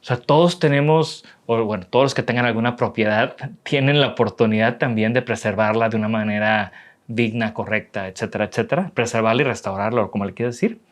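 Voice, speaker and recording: Relaxed rambling male podcast host. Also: on the low side, quick pace. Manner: relaxed, rambling, tags questions with "¿no?". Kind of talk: casual interview conversation.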